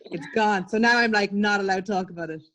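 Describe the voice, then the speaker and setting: A woman speaks in a casual online talk, her pitch sitting in the middle. She is frank and loose, swearing freely and laughing through her stories. The sound is that of a video call. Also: fast talker, fairly bright tone. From Ireland. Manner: candid, swears, laughs while telling stories. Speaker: artist and publisher.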